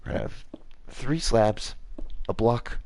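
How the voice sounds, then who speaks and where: A man's voice: medium pitch, unhurried, darkish tone, a little hiss or hum. A young man hosting his own channel, casually talking through a block-building game tutorial step by step and poking fun at himself. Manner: rambling, self-mocking, talks through each step. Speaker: channel host.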